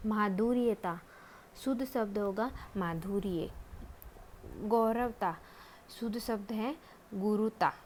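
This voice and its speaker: A woman giving a Hindi spelling lesson, speaking patiently and deliberately and pausing often to think. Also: medium pitch, a little hiss or hum. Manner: patient, deliberate, many drawn-out hesitations. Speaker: Hindi grammar teacher.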